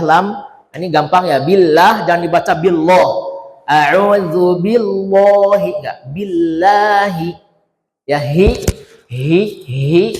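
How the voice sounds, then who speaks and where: A male Quran teacher giving a tajwid lesson, drilling letter sounds one syllable at a time and quizzing his students. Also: on the high side. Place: Islamic centre hall. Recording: echoey hall with long reverb.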